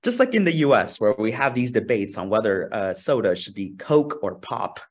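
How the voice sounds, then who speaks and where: A man's voice: on the low side, big pitch swings, normal speed. A young man from Peru, a social scientist giving a webinar presentation over a video call, earnest and asking for the next slide now and then. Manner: earnest, asks for next slide, some restarts. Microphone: video call webcam.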